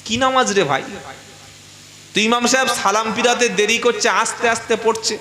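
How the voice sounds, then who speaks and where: Animated high-pitched preacher, echoey. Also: male voice, moderate pace. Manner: animated, quizzes the crowd and chants Arabic recitations. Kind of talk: sermon. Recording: echoey hall.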